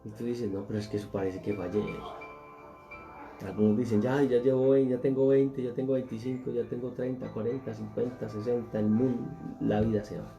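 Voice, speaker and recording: Pastor teaching Scripture, warm mellow tone, faint music underneath. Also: male voice, mid-range voice, little pitch movement, fairly quick, vocal fry, highs cut off. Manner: earnest, addresses listeners directly with questions. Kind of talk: Bible class teaching.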